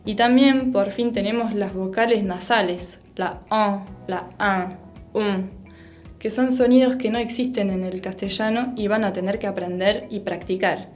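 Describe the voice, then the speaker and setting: A woman's voice: medium pitch, a little mellow, soft background music. Patient French-native woman teaching pronunciation. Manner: patient, repeats and models sounds slowly. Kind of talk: pronunciation lesson.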